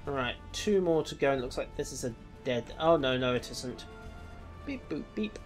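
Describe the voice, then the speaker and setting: A man's voice: mid-range voice, brisk, over music. A man casually commenting on his gameplay with dry, wry asides. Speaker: let's play host.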